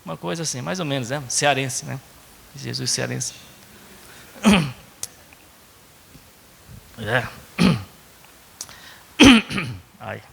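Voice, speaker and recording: A man's voice: medium pitch, lively intonation, extremely slow, creaky, pauses often, fairly bright tone, breathy edge, in a large hall. A man from Japan with a Japanese accent preaching a sermon in a conversational way, often adding little tag questions. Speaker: pastor. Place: church sanctuary.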